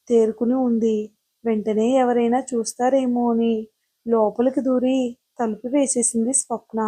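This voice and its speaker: A woman narrating a romantic novel aloud as an audio story, in a steady, expressive storytelling manner. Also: fairly high pitch, husky, no echo.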